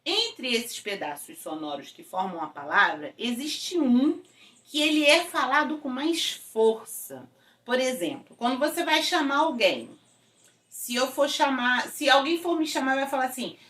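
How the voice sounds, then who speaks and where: A woman's voice: high voice, big pitch swings, a little slow, a bit bright. A woman teacher with a Brazilian Portuguese accent gives a recorded video lesson to schoolchildren. She explains step by step and keeps checking in with tag questions. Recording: echoey room, voice from a distance.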